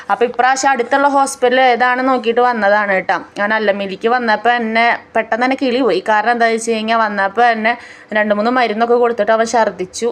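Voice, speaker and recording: A woman from the tells her family's day in a chatty voice-over. She talks quickly and her voice sits a little high. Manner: chatty, tells the story step by step. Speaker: family vlogger. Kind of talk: casual voice-over narration.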